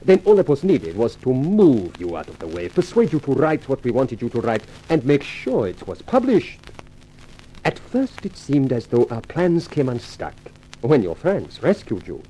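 He plays a smooth continental schemer in 1950s radio drama, a European adagio dancer and racketeer whose courtesy stays cool while his words carry smug menace. Formal and urbane, his measured delivery rides wildly swooping pitch over a soft, dusky, slightly rough voice. It's a low-quality recording.

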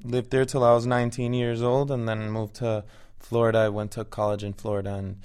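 A man's voice: medium pitch, flat delivery, brisk, darkish tone, clean tone. A man from Venezuela with a Venezuelan accent, an actor guest chatting eagerly and restarting his words often. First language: Spanish. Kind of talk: casual interview chat.

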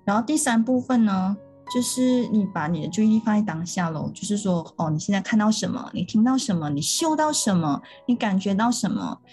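A woman's voice: medium pitch, animated, fairly quick, hardly any pauses, a little mellow, soft background music. A woman co-hosting a podcast, talking through ideas in an earnest, step-by-step casual chat. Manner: earnest, explanatory, talks through steps. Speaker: podcast co-host.

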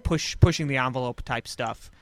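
A man hosting a podcast from a couch, chatting casually with rambling, deadpan jokes. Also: medium pitch, moderate pace, no echo. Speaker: podcast host. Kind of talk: casual chat. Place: small room on a couch.

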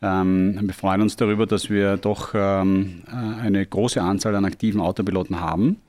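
An Austrian man with a fairly low voice speaks in a casual podcast conversation. He slips English tech jargon into his relaxed, spontaneous explanations. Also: normal speed.

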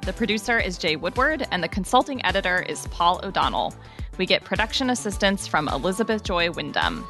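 A woman co-hosting a podcast in casual chat, with noticeable vocal fry in her voice. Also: lowish voice, very animated, fairly quick, bright, forceful tone, faint music behind. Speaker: podcast co-host.

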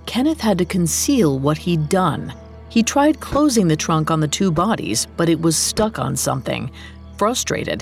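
Woman narrating true crime dramatically. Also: lowish voice. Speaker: podcast narrator.

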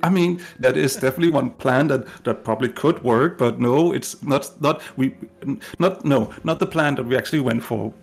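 A man's voice: mid-range voice, fairly quick, creaky, hardly any pauses, slightly rough. A man playing a shape-shifted woman posing as a noble lady, coaxing and full of hesitant restarts. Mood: earnest.

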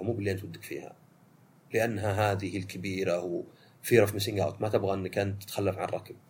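A man, hosting a solo podcast and talking through his thoughts in a fast, conversational way. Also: breathy edge. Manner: fast and conversational, with lively rises in pitch. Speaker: podcast host.

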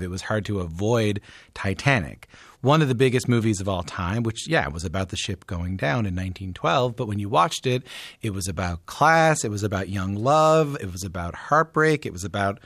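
A man's voice: lowish voice, fairly bright tone, no echo. Chatty man, close and dry. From Newfoundland, Canada. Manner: informal, chatty, conversational asides. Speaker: radio show host and interviewer. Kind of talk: conversational radio introduction and interview.

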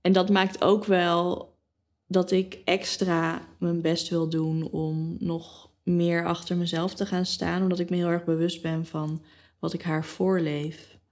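A woman's voice: lowish voice, little pitch movement, unhurried, a little mellow. A woman in her thirties talking in a casual conversation, reflective and hesitant, with many fillers. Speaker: guest.

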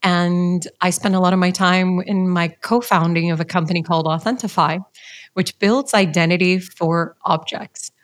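A woman's voice: on the low side, fairly even intonation, moderate pace. A woman from Brazil, chatting enthusiastically as a podcast co-host. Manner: enthusiastic, chatty, fillers like "you know". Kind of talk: casual podcast chat.

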